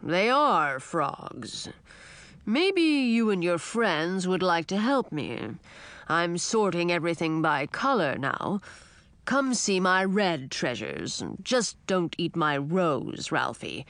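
A woman voicing an ancient male dragon king, huge, proud and absent-minded, with a slow, self-assured way of speaking. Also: lowish voice, very animated, a bit bright, no room sound, exaggerated voice. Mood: pleased.

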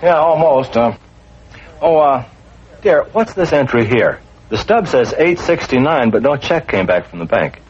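A middle-aged man with an American accent playing a patient, gently wry suburban father in a 1950s family sitcom. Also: medium pitch, lively intonation, a little slow, lightly acted. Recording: dull, noisy old TV soundtrack.

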